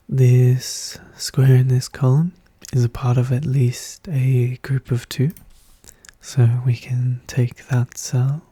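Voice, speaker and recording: A hushed, soft-spoken, breathy voice, often whispering, calmly and methodically thinking aloud in an ASMR puzzle walkthrough. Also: mid-range voice, dry recording. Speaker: puzzle solver narrating own play.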